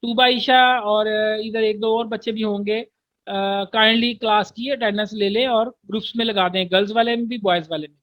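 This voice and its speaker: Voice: mid-range voice, fairly even intonation, fairly bright tone, dry recording. Patient teacher. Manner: reads English lines slowly, then explains them in everyday Urdu; patient, checks understanding often. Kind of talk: online class lecture.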